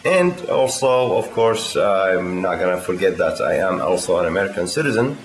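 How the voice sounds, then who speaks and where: A man from Iraq, talking in a casual video diary, halting and full of filler sounds. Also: deep voice, sing-song. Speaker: vlogger.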